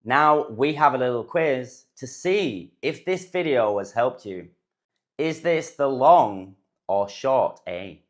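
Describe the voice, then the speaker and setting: A man with a British accent leads a listen-and-repeat phonics lesson. His voice sits at an ordinary middle pitch. He speaks at a slow, patient pace and enunciates every word clearly. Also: expressive. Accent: British English. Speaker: English pronunciation teacher.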